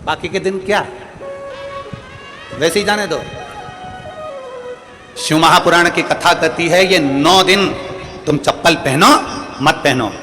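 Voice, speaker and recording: Male preacher, rather high voice, devotional sermon, repetitive rhetorical lists, long reverb, faint music behind. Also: slow, long pauses, pushed and bright. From central India. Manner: repetitive rhetorical lists, prompts the audience to answer. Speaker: religious storyteller preacher. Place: large devotional gathering.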